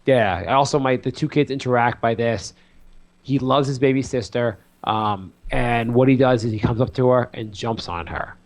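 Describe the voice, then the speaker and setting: A man co-hosting a podcast, chatting casually and telling rambling, animated stories about his two small children with many fillers. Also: medium pitch, moderate pace. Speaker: podcast co-host. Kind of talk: casual chat.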